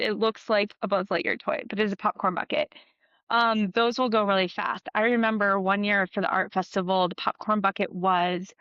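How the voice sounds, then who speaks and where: A woman's voice: medium pitch, fairly bright tone, no room sound. A woman in her thirties, a podcast co-host, chatting casually and giving practical tips with frequent ums. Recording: dull dry podcast audio.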